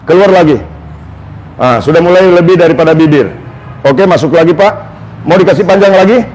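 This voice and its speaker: A man working as a massage therapist, calmly instructing and demonstrating on a patient step by step. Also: a little high, fairly quick, slight background noise, rough recording. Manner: coaching and instructing step by step, calls out words to repeat.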